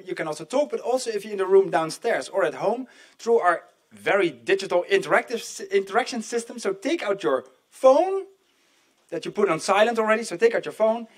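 Man, event moderator, high voice, jokey, talks to the crowd, conference hall. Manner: chatty, jokey, addresses the audience directly.

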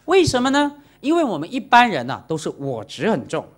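A woman's voice: medium pitch, brisk. A Buddhist nun giving a dharma lecture to a live audience, asking her listeners questions and mixing in the odd English word. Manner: animated, acts out quoted voices and asks the audience questions; mixes in English words.

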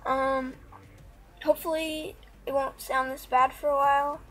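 A woman's voice: high voice, level tone, measured pace, fairly bright tone, faint music behind. A woman giving casual, rambling gameplay commentary, her speech slurred by the braces she is wearing. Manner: rambling, hesitant. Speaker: gaming video creator.

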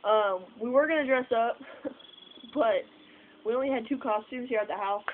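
Chatting for her vlog beside a porch at night, a young woman speaks at normal speed in a slightly high voice, wandering through her thoughts with fillers and a swear here and there. The phone is set far off, so the outdoor audio is tinny and noisy.

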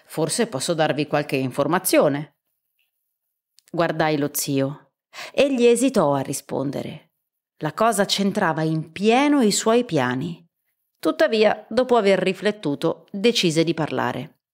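A woman's voice: on the low side, big pitch swings, unhurried. A woman reading a novel aloud at sight as an audiobook, unrehearsed, sometimes restarting a phrase. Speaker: audiobook reader.

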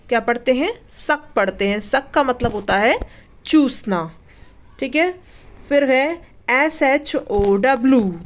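A woman with an Indian accent teaching English words, spelling each one, asking what it is read as and answering herself. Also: a little high. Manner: spells each word letter by letter, then asks and answers it. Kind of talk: slow vocabulary lesson.

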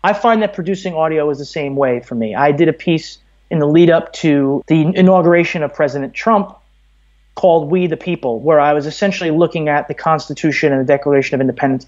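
Speaking with a slightly high, somewhat mellow voice, a Brooklyn audio producer in his thirties talks at length and explains things as a guest on a casual podcast interview. The recording sounds a bit dull and muffled.

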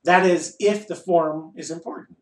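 A man with a fairly high voice speaks as a spiritual teacher to a group in an echoey room. He is wry and emphatic, breaking his thoughts into short phrases with deliberate pauses. The voice sits a little way from the microphone. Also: steady tone. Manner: wry and playful, asks and answers rhetorical questions. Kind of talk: informal spiritual discourse to a group. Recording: echoey room, voice distant from mic.

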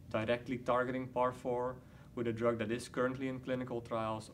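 A man in his thirties from Belgium, a researcher explaining his work in a measured way with many fillers, at a conference interview. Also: mid-range voice, a little hiss or hum. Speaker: award-winning researcher, interviewee. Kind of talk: scientific interview. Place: conference interview booth, indoors.

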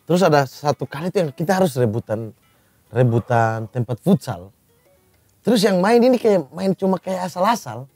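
A man telling a story in relaxed, joking casual chat. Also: on the high side, normal speed, no echo, soft background music.

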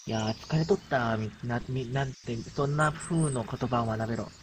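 A man from South Korea, chatting playfully in a virtual world game and teasing friends in halting, phrasing. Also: medium pitch. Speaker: vlogger host. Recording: loud background noise.

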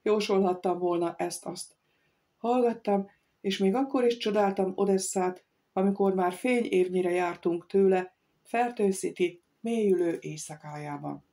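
Woman reading an audiobook aloud, does all the characters, voice goes up for the shouty parts. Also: mid-range voice. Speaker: audiobook narrator.

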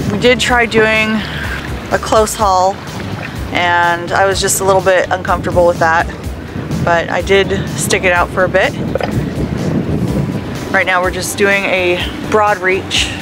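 A woman's voice: medium pitch, steady tone, unhurried, pauses often, loud music behind the voice, rough recording. Chatty woman vlogging from a sailboat. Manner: chatty, candid about nerves. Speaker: vlogger learning to sail. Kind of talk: casual vlog narration. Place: small sailboat out on open water. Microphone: phone camera at arm's length.

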